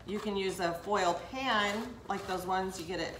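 A woman's voice: mid-range voice, moderate pace, background noise. Chatty older woman in an echoey kitchen. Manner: chatty, talks straight to viewers while working. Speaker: cooking show host. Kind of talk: casual cooking demonstration. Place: home kitchen, indoors.

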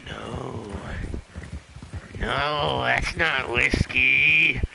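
A man doing a gravelly whiskey-mad zombie cowboy. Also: mid-range voice, big pitch swings, very slow, exaggerated voice. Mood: desperate. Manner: broken third-person speech, pleading and repetitive. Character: whiskey-craving undead male cowboy zombie. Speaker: streamer. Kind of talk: in-character game role-play. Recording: loud game noise behind.

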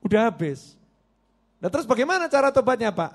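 A man's voice: very high voice, very animated, brisk, gravelly, pitched above the performer's own voice, heavily acted. A man voicing a puzzled, probing man who keeps questioning a former robber in disbelief. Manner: questioning, incredulous.

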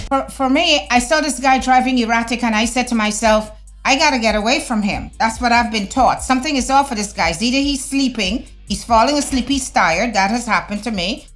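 A middle-aged woman talking to camera in a casual opinion vlog at home, animated and conversational with slangy asides. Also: fairly high pitch. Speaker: vlogger. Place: home room, indoors. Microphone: fixed camera at desk.

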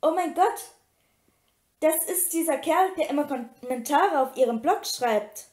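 A woman voicing a mean, shrieking teenage stepsister with a loud, scornful manner. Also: high voice, moderate pace, close to an everyday voice. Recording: roomy echo.

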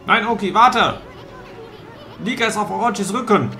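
A tiny sprite sidekick from a video game, put on by a man, pitched high and squeaky. It is excitable and exclamatory, with clear music behind. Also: normal speed, echoey room, a faint crowd, full character voice. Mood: alarmed, excitable. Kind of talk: video game character read-aloud.

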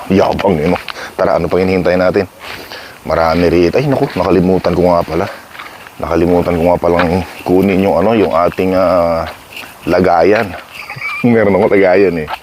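A deep-voiced man from the Philippines chats to his viewers while wandering his backyard, rambling and poking fun at himself with frequent chuckles. He is close on a clip-on microphone, with a faint outdoor hiss behind him. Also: a little mellow. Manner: rambling, self-mocking, chuckles often. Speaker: vlogger. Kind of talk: casual chatty vlog addressing viewers.

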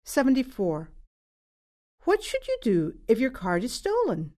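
A woman's voice: fairly high pitch, huge pitch swings, unhurried, warm tone. A woman test narrator reading numbered exam questions as scripted narration.

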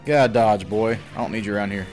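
A man's voice: lowish voice, fast talker. A young man streaming a video game, chatting casually and saying "man" and "like" a lot. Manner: laid-back, chatty, says "man" and "like" a lot. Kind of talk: casual gameplay commentary. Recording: faint game music behind.

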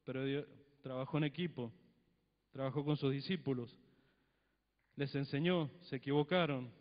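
A middle-aged Mendoza native with a Cuyo Argentine accent preaches with a medium-pitched, steady voice at a moderate pace, using a handheld mic in a church hall. His style is conversational, with frequent tag questions and acted-out mini dialogues. The audio is dull lo-fi with long hall reverb.

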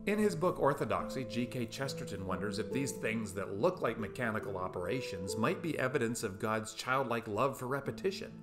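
A man in his fifties, a video essayist, delivers a scripted, essay-style talk to camera from a small room at home. His mid-range voice is expressive and fairly quick with hardly any pauses, sounding over loud music. He poses rhetorical questions with playful emphasis.

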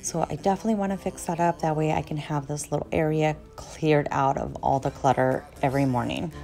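Chatty young woman, low voice. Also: fairly even intonation, a little fast, over music. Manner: chatty, rambling asides to viewers. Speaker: cleaning vlogger. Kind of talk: casual voice-over to viewers. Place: home living room.

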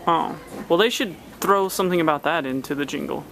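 A woman chatting casually in a family vlog, playful, teasing and excitable. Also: deep voice, brisk. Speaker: vlogger. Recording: noisy ambient background.

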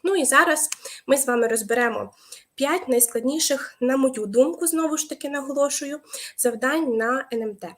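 Young woman teacher streaming a lesson, kinda high voice, patient, lots of "uh" pauses. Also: fairly bright tone. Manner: explanatory, waits for viewers' answers, hesitant fillers. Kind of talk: live online exam-prep lesson.

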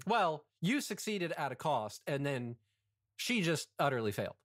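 Calm game master narrating a tabletop game. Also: medium pitch, a little slow, no echo, clean studio sound.

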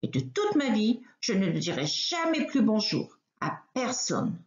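A woman voicing a small, frightened young male rabbit in a storybook reading, pleading and high. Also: big pitch swings, a little slow. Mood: upset. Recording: roomy, slightly dull recording.

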